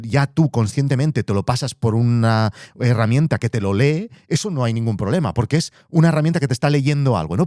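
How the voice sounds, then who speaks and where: A man's voice: mid-range voice, darkish tone, no echo, clean studio sound. A man hosting a podcast, chatting casually, swearing freely and thinking aloud. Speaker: podcast host. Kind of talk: casual monologue.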